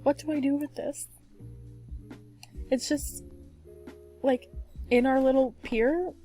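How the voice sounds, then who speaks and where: A woman's voice: sits high, steady tone, takes it slowly, mellow, soft background music. A woman giving casual, chatty commentary over her life-simulation gameplay, laughing often and using many fillers. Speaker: let's play gamer.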